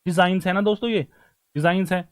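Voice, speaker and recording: A man's voice: high-pitched, fairly even intonation, fast. A man teaching stenography in an online class, talking to his students as brothers and friends while he writes strokes and explains them.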